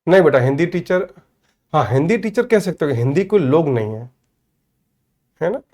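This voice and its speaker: Man, Indian accent, high voice, English teacher, online class, slow English examples. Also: lively intonation, a little mellow. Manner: addresses students by name, asks "clear?" often; mixes Hindi with slow, spelled-out English.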